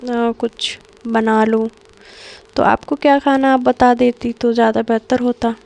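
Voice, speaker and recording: A woman's voice: fairly high pitch, flat delivery, measured pace, gravelly, darkish tone. A woman voicing a sweet, eager young daughter-in-law in a Hindi storybook reading. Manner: sweet, pleading.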